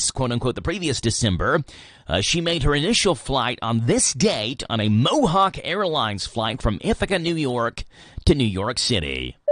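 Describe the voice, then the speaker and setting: A man's voice: medium pitch, fairly bright tone. An American man hosting a live morning radio show, moving between read items and casual chat. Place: radio studio.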